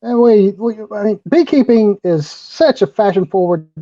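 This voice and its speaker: A woman improvising a comic bit over a video call, loud and emphatic. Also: medium pitch, expressive, moderate pace, muffled recording. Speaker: improv player.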